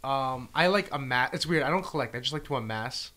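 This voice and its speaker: A man chatting casually as a co-host, self-mocking and quick to laugh. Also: medium pitch. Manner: self-mocking, laughs often, animated when excited. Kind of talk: casual chat.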